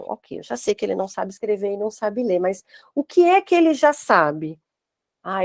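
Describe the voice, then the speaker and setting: Her mid-range, slightly mellow voice comes through in studio quality with no room sound. This Brazilian instructor, speaking with a Brazilian Portuguese accent, teaches an online course for teachers step by step over a video call, often adding "né?".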